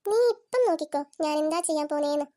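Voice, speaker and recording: Scheming cartoon mother-in-law put on by one voice actor, squeaky high voice, soft dark tone. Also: quick pace, lightly acted. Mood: coaxing, scheming. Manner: fussing, coaxing, then shrill and alarmed. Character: scheming middle-aged mother-in-law, bossy and sly. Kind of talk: cartoon voice acting.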